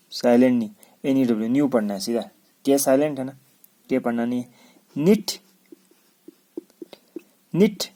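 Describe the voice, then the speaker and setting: A man's voice: mid-range voice, warm tone. A man teaching a lesson, spelling out words letter by letter and repeating each word several times. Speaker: English teacher. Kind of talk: classroom lesson.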